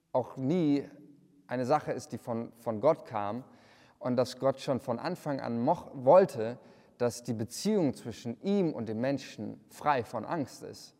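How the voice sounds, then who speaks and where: A man's voice: medium pitch, a little mellow, big-room sound. A man preaching a livestreamed sermon, earnest, often repeating words and restarting his sentences. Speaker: pastor.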